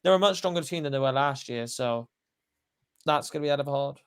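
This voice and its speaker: A man's voice: mid-range voice, fairly quick, smooth. A young man co-hosting a football fan stream, talking bluntly and swearing freely. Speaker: co-host. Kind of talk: football fan podcast chat.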